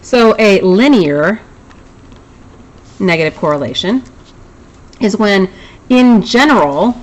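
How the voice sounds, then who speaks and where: A woman's voice: medium pitch, lively intonation, takes it slowly, rough recording. A woman teaching a recorded math lesson, chatty, with self-deprecating asides.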